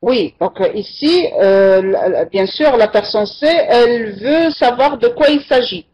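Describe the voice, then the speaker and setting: Unhurried and expressive, her voice sits on the high side with a breathy quality. She leads an online French lesson, captured in muffled lo-fi audio, patiently echoing and correcting what her students say.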